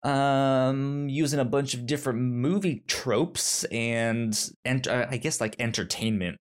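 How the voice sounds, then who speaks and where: In a casual movie review chat, a male podcast co-host speaks with a mid-range voice at a measured pace. He sounds hesitant, trailing off and starting his sentences over.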